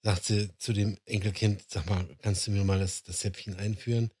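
A man's voice: on the low side, little pitch movement, normal speed, a little mellow, husky. A man telling jokes loosely among friends, with fillers and loose phrasing. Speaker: joke teller.

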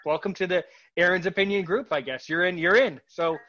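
A man hosting a podcast, talking casually with a guest, halting and repeating his words with many fillers. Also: sits high, bright, forceful tone, muffled recording. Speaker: podcast host.

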